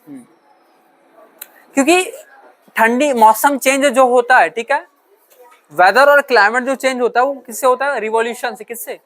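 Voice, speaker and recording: A male teacher with a very high, slightly bright voice lectures at a moderate pace with long pauses. He asks questions only to answer them himself, mixes in English terms, and regularly checks on the students' understanding.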